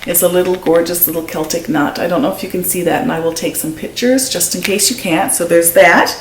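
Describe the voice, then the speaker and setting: A middle-aged woman from Newfoundland and Labrador, Canada, with a Newfoundland accent, hosts a knitting podcast and enthusiastically shows off craft supplies at home in casual show-and-tell style. Her voice is on the low side and a little fast. The room is echoey, with faint noise.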